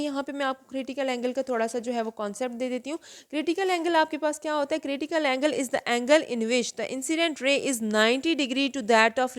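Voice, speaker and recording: A woman teacher walks students through a physics lesson. Her voice sits a little high. She talks patiently, posing questions and answering them herself. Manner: explains step by step, asks and answers her own questions.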